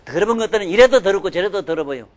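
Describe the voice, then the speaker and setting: An older man giving a sermon, scolding and emphatic, swinging from loud outbursts to low mutters. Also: animated, very fast. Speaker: Buddhist dharma teacher.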